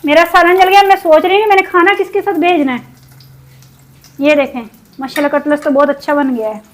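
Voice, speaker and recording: A woman from Pakistan chatting in a cooking vlog, upset and venting, her throat sore from shouting. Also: sits high, steady tone, a little fast, rough recording. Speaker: cooking vlogger. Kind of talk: casual cooking vlog chat.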